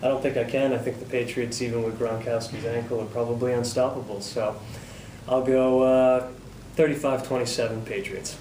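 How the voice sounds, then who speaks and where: A man's voice: mid-range voice, steady tone, normal speed, a little mellow, recorded from a distance, slight background noise. A man co-hosting a small business news show, chatting casually and agreeably. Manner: agreeable, brief interjections. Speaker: co-host. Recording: echoey room, voice slightly off-mic.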